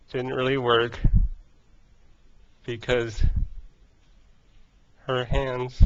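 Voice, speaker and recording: A man giving a casual personal vlog update, out of breath and speaking haltingly in short broken phrases. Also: mid-range voice. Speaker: vlogger. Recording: dull, lo-fi sound.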